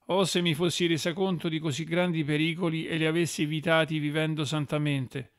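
A man's voice: fairly high pitch, little pitch movement, brisk, clear, resonant tone, no echo, clean studio sound, close to an everyday voice. A man voicing a despairing old sinful woman who laments and pleads, read as an audiobook. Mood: anguished lament. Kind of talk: audiobook reading.

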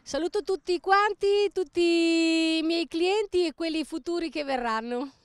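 A woman who runs a piadina shop, briskly listing her menu for an interviewer. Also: very high-pitched. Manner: brisk, lists items one after another.

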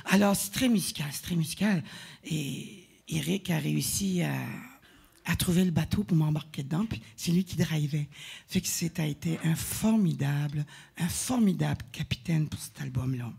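Acadian woman singer, raspy gravelly voice, talking to a concert crowd in a loose, rambling way. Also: low voice, normal speed. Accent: Acadian French. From Acadia, eastern Canada. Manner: chatty, warm-hearted, rambling with fillers and self-corrections. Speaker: singer presenting her album. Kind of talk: casual stage banter with a live audience. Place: concert venue stage.

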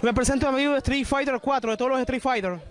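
Young man, very high voice, rambling street-interview answers, faint crowd behind. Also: steady tone, very fast, background noise. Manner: rambling, hesitant, repeats fillers. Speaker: cosplayer interviewed at an event. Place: outdoor fan event with a crowd. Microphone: handheld interviewer mic.

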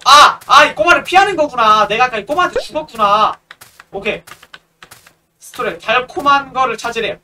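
A man's voice: very high voice, expressive, normal speed. A man streaming a horror game, chatting casually, teasing the characters and yelping at every scare. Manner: jumpy, yelps and shouts at scares, teasing banter. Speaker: gaming streamer. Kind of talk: horror game let's play commentary. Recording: distant mic with clear background noise.

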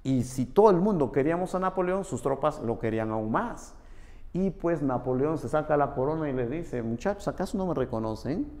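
A man teaching a history lesson, asking questions and answering them himself, often repeating a tag phrase, swinging from raised to low murmured pitch. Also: expressive, moderate pace, a little mellow. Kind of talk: classroom history lecture. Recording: long hall reverb.

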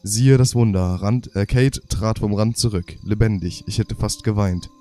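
Congested with a cold, this young man reads diary pages from a game aloud in his let's play, stumbling and self-correcting as he goes. He speaks at normal speed in a mellow, fairly low voice, with soft music in the background.

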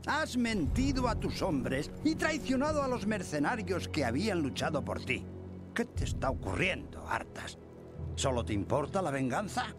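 Gruff old dwarf fighter from a game, worried friend type, really swingy intonation. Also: male voice, high-pitched, very animated, normal speed, over music. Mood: reproachful. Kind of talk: video game cutscene acting.

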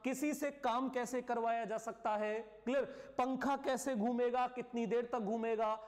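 A male teacher giving a live online class lecture, often repeating key words and checking "clear?". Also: very high voice, steady tone, normal speed, a little mellow, big-room sound.

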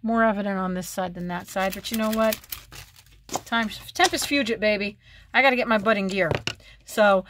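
A woman's voice: mid-range voice, moderate pace, noisy background. A woman chatting casually through her makeup routine at home, full of wry remarks and muttered asides to herself. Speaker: beauty vlogger. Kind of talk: casual get-ready-with-me chat. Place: at home, seated while doing makeup.

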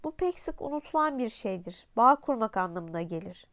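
A woman voicing a calm, wise fox who explains things patiently and matter-of-factly. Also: fairly high pitch, fairly quick, dry recording. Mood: explaining. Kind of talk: audiobook character voice.

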